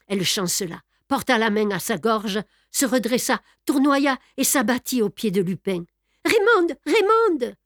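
A woman narrating a classic novel as an audiobook, with a dramatic, measured delivery. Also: medium pitch, dry recording, clean studio sound. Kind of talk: expressive reading of a classic novel.

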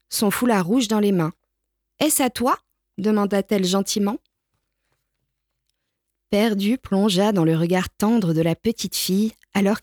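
A woman reading a children's picture book aloud in a gentle, expressive way. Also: mid-range voice, no room sound, studio quality. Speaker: storyteller. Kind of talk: children's storybook read-aloud.

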